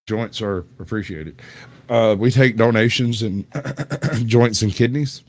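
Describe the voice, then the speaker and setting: A man with a low, closely recorded voice and a Southern US accent hosts a casual live stream. He rambles along in a folksy, joking manner. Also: slow, no room sound.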